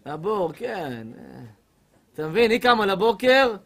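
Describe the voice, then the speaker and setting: A man giving a humorous sermon as a rabbi, telling stories animatedly and acting out other people's voices. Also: high voice. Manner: animated comic storytelling, acts out women's voices.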